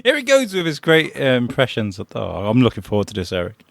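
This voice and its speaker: Co-host, man, fast and bouncy teasing, dry close sound. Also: medium pitch, wildly swooping pitch, gravelly, no room sound. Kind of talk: teasing banter.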